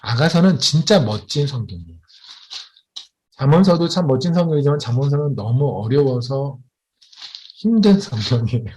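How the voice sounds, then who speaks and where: A man preaching a sermon as a missionary, who keeps asking his congregation questions and slows down to stress key points. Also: fairly high pitch. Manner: animated, asks the congregation questions often.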